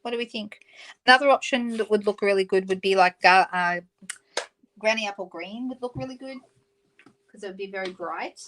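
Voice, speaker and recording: A middle-aged Australian woman talks a little fast in a mid-range, fairly bright voice while hosting a live papercraft stream. Chatty and self-correcting, she reads out what viewers comment as she works. The audio is poor.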